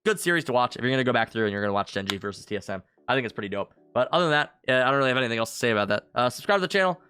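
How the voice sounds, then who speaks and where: A man with a hoarse, tired voice, casually breaking down a game round as a coach and channel host, with loose fillers. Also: medium pitch, soft background music. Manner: fast, animated, loose with fillers. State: hoarse, losing his voice.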